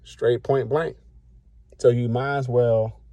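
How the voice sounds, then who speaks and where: A man's voice: mid-range voice, steady tone, takes it slowly, warm tone, dry recording. A man in his late thirties giving a blunt, colloquial, preachy rant to the camera. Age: 30s. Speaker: vlogger.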